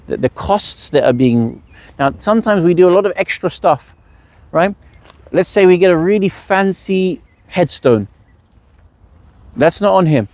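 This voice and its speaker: Brief: male workshop teacher, a touch higher pitched, patient, explains step by step and asks rhetorical questions. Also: animated, unhurried, pauses often, a little mellow, no echo. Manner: asks the audience rhetorical questions, then answers them. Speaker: religious teacher leading a workshop.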